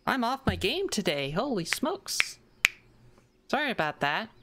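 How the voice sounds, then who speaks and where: A woman's voice: mid-range voice, sing-song, a little fast, heavy background noise. A woman streamer chatting casually while she plays, rambling with repeated words and restarts. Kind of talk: casual live-stream chat while gaming.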